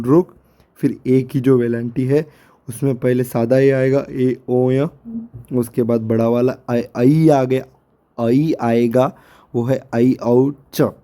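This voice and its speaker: Hoarse male teacher for a recorded lecture, very dark mellow tone, slow and patient, drills each syllable. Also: medium pitch. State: hoarse, sore throat. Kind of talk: lecture over a screen recording.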